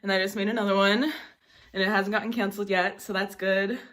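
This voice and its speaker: A woman's voice: mid-range voice, level tone, fast talker, fairly bright tone. A young woman from the United States chatting informally to her viewers in a casual vlog update. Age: young adult. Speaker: vlogger.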